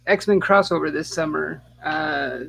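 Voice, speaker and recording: A man's voice: on the high side, a little slow, gravelly, a bit bright, a little hiss or hum. A man co-hosting a casual comic book podcast, talking in a rambling, hesitant way. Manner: rambling, hesitant, full of fillers. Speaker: podcast co-host. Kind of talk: casual chat.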